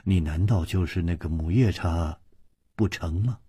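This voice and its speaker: A man's voice: low voice, normal speed, mellow, dry recording, studio quality, voice pushed down. A man voicing a hot-tempered, hard-drinking swordsman who mocks and grumbles. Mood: mocking. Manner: mocking, gruff, laughing.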